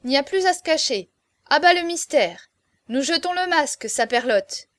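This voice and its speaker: A woman reading aloud, voicing an excitable young male servant who shouts boastful announcements. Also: high voice, moderate pace, dry recording, pitched above the performer's own voice. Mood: boisterous. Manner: loud, breathless exclamations.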